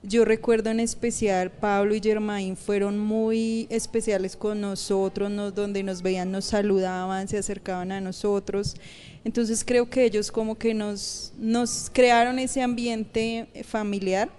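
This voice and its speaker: A woman's voice: medium pitch, fairly even intonation, unhurried, a little mellow, slight background noise. A woman pastor, telling her personal story in an interview and laughing often. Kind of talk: personal testimony in a podcast interview.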